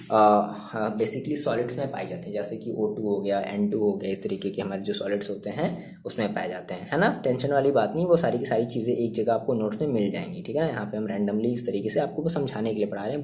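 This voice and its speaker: A man's voice: medium pitch, mellow. A young man teaching an online chemistry lesson in a chatty way, asking and answering his own questions and repeating points. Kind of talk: online class lecture.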